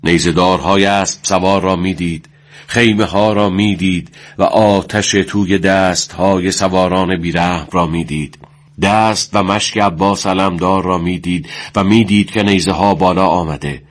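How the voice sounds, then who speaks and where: Deep-voiced solemn male storyteller. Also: steady tone. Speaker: narrator. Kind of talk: dramatic story reading.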